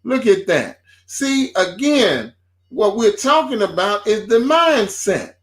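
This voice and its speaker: Co-hosting a faith talk show, this man speaks informally in a casual preaching tone, building his points slowly through repeated phrases. His voice sits high and swings widely in pitch.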